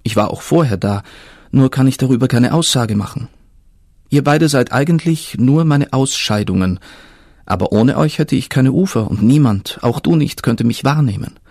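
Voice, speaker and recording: A man voicing an ancient, patient, all-knowing river spirit in a storybook reading, speaking in a solemn murmur with a husky tone. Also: medium pitch, moderate pace, a little mellow, dry recording, studio quality, lightly acted.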